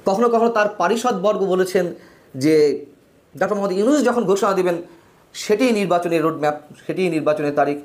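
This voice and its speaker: A man's voice: high-pitched, fast. A man with a Bangladeshi Bengali accent delivering an emphatic political commentary monologue, stressing words with rhetorical questions.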